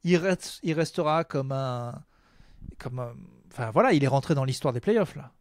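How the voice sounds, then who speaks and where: A man co-hosting a casual basketball podcast, animated and joking, laughing often. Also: mid-range voice, normal speed, no room sound, clean studio sound. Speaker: podcast co-host. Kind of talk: casual chat about basketball.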